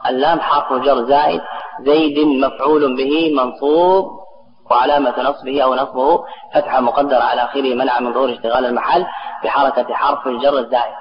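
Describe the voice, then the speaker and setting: A man's voice: mid-range voice, fairly even intonation, fast talker. A man giving a classroom grammar lesson to students, explaining step by step and putting questions to the class. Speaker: grammar teacher. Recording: echoey, dull lo-fi recording with a crowd behind.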